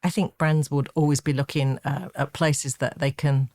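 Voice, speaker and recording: A woman's voice: a bass voice, flat delivery, moderate pace, a little mellow, dry recording. A woman, a guest on a podcast, talking in a chatty, upbeat way with plenty of fillers and asides. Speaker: guest, advertising executive. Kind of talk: casual podcast interview.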